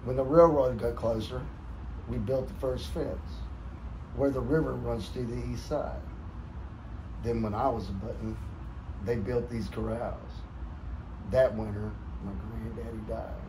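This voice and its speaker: Middle-aged male cowboy poet, with a cowboy drawl, homespun talk and verse, over clear room noise. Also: medium pitch, fairly even intonation, measured pace, pauses often. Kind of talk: casual talk and recited cowboy poetry. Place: boot shop, indoors. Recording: noisy shop room ambience.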